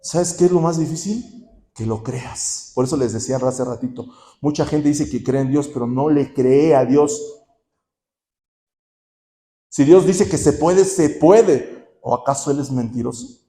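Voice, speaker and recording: Impassioned pastor, mellow voice. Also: male voice, mid-range voice. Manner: impassioned preaching with sudden soft, slow drops. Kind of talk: sermon. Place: rehab center visiting-day talk.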